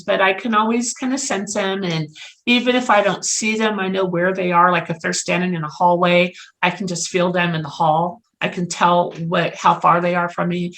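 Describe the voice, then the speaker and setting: A middle-aged woman, a psychic medium guest, chatting casually and telling lively anecdotes. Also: lowish voice. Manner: lively anecdotal storyteller, acts out dialogue. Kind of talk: casual storytelling chat.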